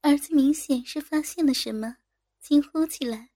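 Woman storyteller, high mellow voice, intimate unhurried reading, dry close recording. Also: no room sound. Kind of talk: first-person story reading.

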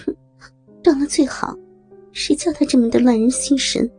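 A woman's voice: high voice, steady tone, normal speed, a little mellow, soft background music, lightly acted. A woman playing a shy, prim young wife. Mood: bashful. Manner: bashful, pouting protests.

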